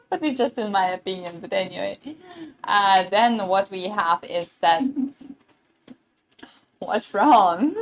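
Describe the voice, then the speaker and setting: A woman's voice: mid-range voice, expressive, takes it slowly, long pauses. Chatty giggly woman selling gadgets live. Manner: chatty, giggly, many fillers and restarts. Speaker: livestream seller. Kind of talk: casual live-stream product demo.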